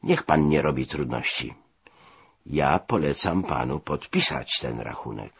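A furious American naval commander barks orders and curses, as a man puts him on, his low, husky voice swinging widely. The recording is dull and lo-fi. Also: expressive, measured pace, heavily acted. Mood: commanding.

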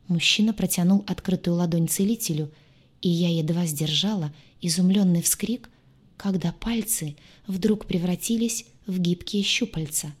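Brief: woman narrating a novel in the first person, low and husky, wry and expressive. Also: moderate pace. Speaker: audiobook narrator.

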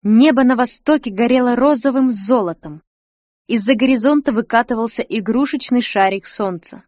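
A woman narrating a story aloud in a measured, storytelling manner. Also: a little high, a little mellow, no room sound. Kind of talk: audiobook narration. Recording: dry, dull lo-fi sound.

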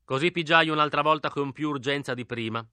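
A man reading a novel aloud as an audiobook narrator, expressive, dropping to a hush for whispered lines. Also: a little high, a little fast, no room sound. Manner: expressive, hushed in the whispered dialogue.

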